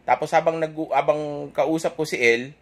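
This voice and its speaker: A man's voice: a little high, fairly even intonation, normal speed, fairly bright tone. A young man telling an audience a dating story in a casual, rambling way, correcting himself and checking in with "okay?" after nearly every point. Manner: chatty, rambling, self-correcting.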